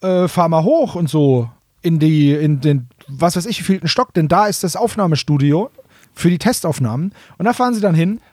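Recapping an audio drama on a podcast, this male co-host keeps things colloquial and jokey, tossing in brief mock quotes. His voice is a little high and a little mellow, with lively intonation and a moderate pace, captured dry and clean in the studio.

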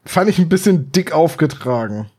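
A man's voice: fairly high pitch, lively intonation, moderate pace, a little mellow, husky. A man making wry, joking remarks in casual discussion as a podcast co-host.

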